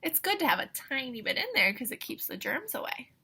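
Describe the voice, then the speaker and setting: Like an eager teacher, this woman reads a picture book to small kids, tossing in questions and asides with lively wonder. She has a breathy, high voice and a brisk pace.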